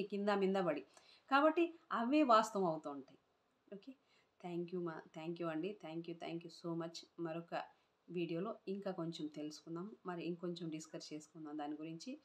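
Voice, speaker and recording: Animated woman giving a spiritual talk. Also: on the low side. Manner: animated, many rhetorical questions, acts out inner thoughts. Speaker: channel host giving spiritual talks. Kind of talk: motivational spiritual talk to viewers.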